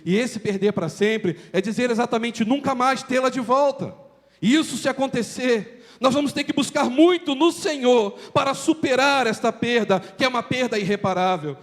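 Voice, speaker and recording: A man preaching a sermon in a church, pressing his point with rhetorical questions. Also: sits high. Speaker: pastor. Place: church sanctuary. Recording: long church reverb.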